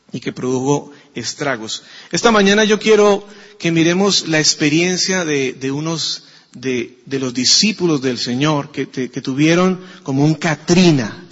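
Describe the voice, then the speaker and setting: A man preaching a sermon in a Colombian Spanish accent, slow and deliberate, asking his listeners questions as he reads. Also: a little high, fairly bright tone, long reverb tail, highs cut off. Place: church sanctuary.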